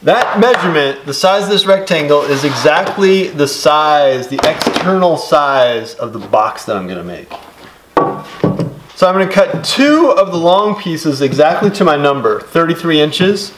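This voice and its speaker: A man's voice: on the high side, unhurried. Casual DIY man in an echoey garage. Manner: relaxed, step-by-step explaining with casual fillers. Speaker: DIY builder. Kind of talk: casual how-to instruction. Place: home woodworking garage workshop. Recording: echoey workshop with clear background noise.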